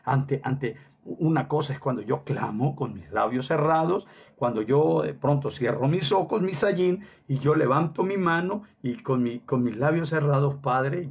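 A man's voice: medium pitch, gravelly, breathy edge. A middle-aged man preaching a sermon emphatically, repeating phrases for stress and dropping Hebrew words into his talk.

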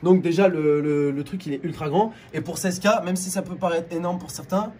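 A man's voice: a little high, fairly even intonation, brisk, dark tone, slight background noise. A man from France, a YouTuber co-host, casually explaining things to his viewers with many restarts and fillers.

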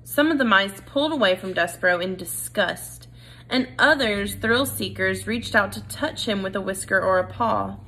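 A woman's voice: mid-range voice, moderate pace, pushed and bright, breathy edge, poor audio. A woman reading a children's book aloud, with casual, friendly asides to her listeners. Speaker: reader.

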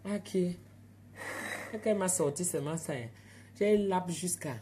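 A woman with an African French accent, hosting a casual live stream from home. She chats and tells stories in a lowish, animated voice, speaking straight to her viewers over a phone, with a faint hiss in the background. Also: moderate pace. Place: home at night.

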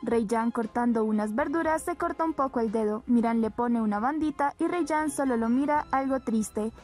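Higher-voiced woman narrating a story recap. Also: moderate pace, soft background music. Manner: steady storytelling, reads dialogue aloud. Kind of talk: scripted plot narration.

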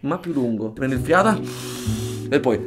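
A man's voice: mid-range voice, lively intonation, moderate pace, over music. A man in casual joking banter, playfully bossy as he coaches someone in a small room. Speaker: burping contest champion and coach.

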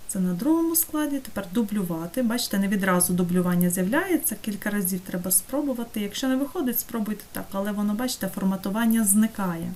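A woman teaching an online course, talking through a screen-recorded software tutorial step by step and checking in with her students. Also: medium pitch, expressive, fast talker, few pauses. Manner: patient, step-by-step, checks in with "так?".

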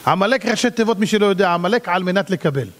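A man, a rabbi, giving an animated sermon, swinging between loud outbursts and hushed pleading. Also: sits high, big-room sound.

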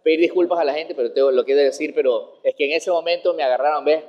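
Animated high-voiced man. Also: quick pace, muffled recording. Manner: animated, rambling, laughs while talking. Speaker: guest comedian. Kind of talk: casual interview chat.

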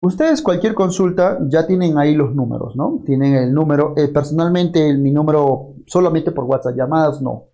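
A man's voice: fairly high pitch, normal speed. A man from Peru teaching an online math class, walking through each step aloud and often asking "right?". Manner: lively, rhetorical tag questions, walks through each step aloud.

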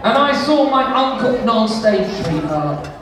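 Bloke doing kids party magician patter, cheeky and theatrical, boomy echo, noisy crowd around. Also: male voice, big pitch swings, a little slow. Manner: theatrical, cheeky, teasing the audience. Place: large indoor show room with stage. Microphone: handheld stage microphone through PA, filmed from the audience. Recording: echoey hall, distant phone recording, crowd noise. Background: audience of children and adults.

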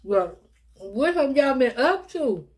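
A woman's voice: sits high, very animated, slow, darkish tone. Chatty woman eating on camera. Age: 50s. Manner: chatty, addresses viewers as y'all and little sis, eats between phrases. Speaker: mukbang vlogger. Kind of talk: casual eating vlog chat.

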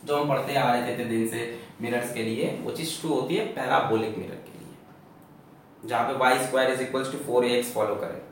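A man teaching a physics lecture, lively and full of rhetorical questions, mixing English terms into his explanation. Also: mid-range voice, brisk, a little hiss or hum. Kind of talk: classroom lecture. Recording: echoey classroom from far off.

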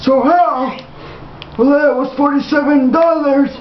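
A young man faking the voice of a feeble, confused, hard-of-hearing old man with halting, groaning speech on a prank phone call. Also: extremely high pitch, steady tone. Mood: halting, plaintive. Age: young adult. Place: small tiled bathroom. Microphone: camera a few feet away. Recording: muffled, roomy, faintly noisy camera recording.

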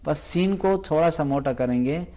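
A man teaching Quran recitation on a televised lesson, patiently explaining pronunciation and repeating each sound slowly as a demonstration. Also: a little high, highs cut off.

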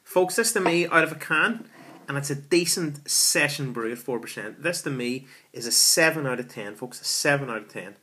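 A man's voice: on the high side, normal speed, pushed and bright. A man, reviewing a beer at home in a chatty, enthusiastic way with lots of fillers, filmed with a camera at arm's length. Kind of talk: casual beer review vlog. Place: small room at home, indoors.

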